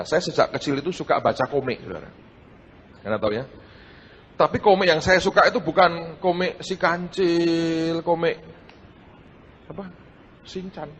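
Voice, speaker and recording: A middle-aged man, preaching a sermon and telling his own story, swinging between hushed and loud. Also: high-pitched. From Indonesia. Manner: animated, shifts between hushed and loud, addresses audience as saudara. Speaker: pastor. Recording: large hall with long reverb and faint noise.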